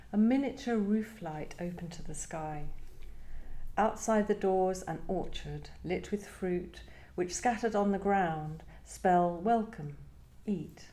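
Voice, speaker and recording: A mellow, mid-range woman's voice belongs to a poet who is a guest at a live literary event. She discusses her work reflectively and reads poetry, with the echoey indoor space audible throughout.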